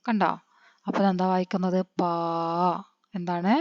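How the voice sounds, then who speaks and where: A woman, teaching a patient lesson and spelling letters out slowly, quizzing her pupils as she goes. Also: fairly low pitch, flat delivery, a little mellow, no echo. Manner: patient, asks the children questions and answers them. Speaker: Hindi teacher. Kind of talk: classroom-style lesson. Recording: dry, dull lo-fi recording.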